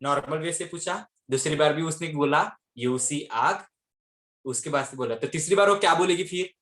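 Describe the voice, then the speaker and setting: Guy teacher on an online class, bit high voice, keeps asking the kids questions back, echoey room. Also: brisk, a bit bright. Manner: keeps quizzing students with repeated questions.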